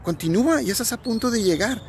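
A man voicing a friendly male sun who gently coaxes and cheers on a little boy in a children's story. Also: high voice, expressive, quick pace, a little hiss or hum, voice pushed up. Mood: encouraging. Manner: gentle, coaxing questions.

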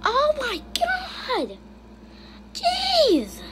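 A woman's voice: very high voice, wildly swooping pitch, drawn-out words, noisy background. A young woman casually commenting on funny videos, bursting into shrieks and then muttering to herself. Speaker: YouTuber reacting to videos.

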